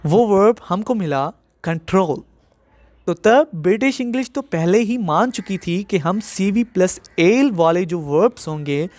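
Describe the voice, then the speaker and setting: Slow, deliberate male grammar teacher. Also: high-pitched, no echo. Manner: slow, deliberate, spells out rules step by step. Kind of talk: explaining grammar rules in a lesson.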